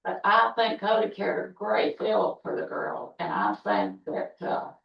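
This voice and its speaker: A woman's voice: mid-range voice, sing-song, a little slow, gravelly. A woman testifying as a witness in court, speaking in hesitant, broken phrases. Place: indoor courtroom. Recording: distant, echoey, muffled courtroom audio.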